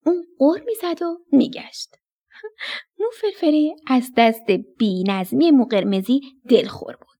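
A radio bedtime story for children is told by a woman whose voice sits high; she speaks to the kids in a loving, lively manner.

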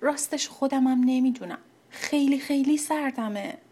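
A woman voicing a small injured bird that pleads slowly and gently for shelter in a children's story. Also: sits high, voice pushed up, lightly acted. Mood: forlorn. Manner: slow, pleading. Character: timid little hurt bird, pleading softly.

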